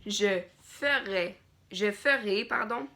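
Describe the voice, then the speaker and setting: A woman teacher dictating a school text phrase by phrase, deliberately repeating phrases and speaking the punctuation aloud. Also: medium pitch, sharp tone.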